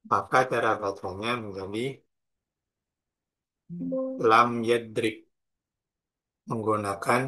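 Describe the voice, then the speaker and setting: Bright-voiced Indonesian grammar teacher. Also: male voice, medium pitch. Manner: slow, deliberate, spells out forms and examples. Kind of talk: classroom lesson explaining grammar.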